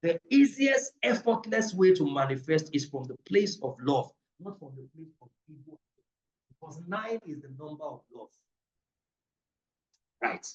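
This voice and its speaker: A man's voice: on the high side, very animated, unhurried, lo-fi sound. A man, from Africa, teaching numerology and esoteric ideas in a live online class, taking questions and stressing points by repeating them. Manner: emphatic, repeats key phrases, preacher-like.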